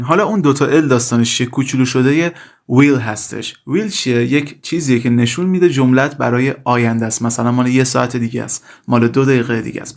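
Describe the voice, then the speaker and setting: A man teaching a language lesson, speaking at a middle pitch. He says each example phrase slowly and carefully, then rattles off a quick, casual explanation, calling his students "kids". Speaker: English teacher.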